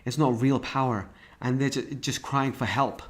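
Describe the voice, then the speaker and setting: A man's voice: medium pitch, fairly even intonation, moderate pace, slight background noise. Man teaching a parenting lesson. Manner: explanatory, with frequent restarts and fillers; walks through examples and stages step by step. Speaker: parenting course instructor. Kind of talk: recorded course lecture.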